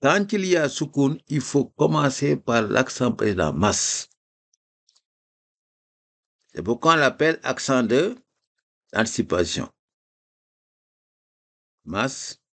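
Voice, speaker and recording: A man teaching a live reading lesson, explaining slowly and patiently with repeated examples. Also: mid-range voice, lively intonation.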